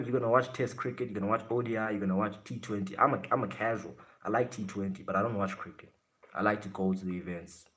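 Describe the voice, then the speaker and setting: Relaxed and casual, this fairly low-voiced man from South Africa talks to his livestream chat. He doesn't hold back: he's brash, swears, and throws jabs at the commenters.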